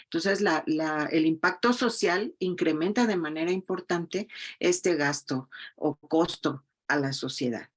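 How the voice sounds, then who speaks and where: A woman's voice: sits low, unhurried. A woman, a physician speaking on a panel, hesitant with fillers. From Mexico. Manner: hesitant, many fillers and restarts. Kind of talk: panel discussion.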